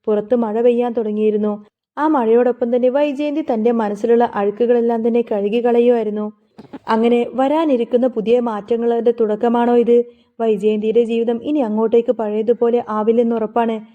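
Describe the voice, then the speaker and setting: A woman narrating a family drama story in an emotive, dramatic telling. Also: a little high. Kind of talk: storytelling serial recap. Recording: phone-like narrow sound.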